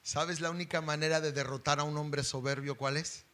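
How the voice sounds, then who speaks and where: A middle-aged male pastor, preaching an impassioned sermon that swings from loud pleading to hushed intensity. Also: fairly high pitch, fairly even intonation, fairly quick.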